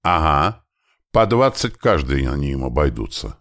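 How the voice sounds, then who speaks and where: A man's voice: rumbling low, big pitch swings, moderate pace, a bit bright, exaggerated voice. A man voicing a blunt, easygoing mechanic. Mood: matter-of-fact.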